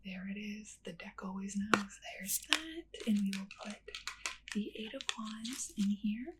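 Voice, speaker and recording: In a whispered ASMR role play, a creator plays a kindly witch and speaks gently and slowly right to the listener. Her voice is medium-pitched and expressive, and the recording is very noisy.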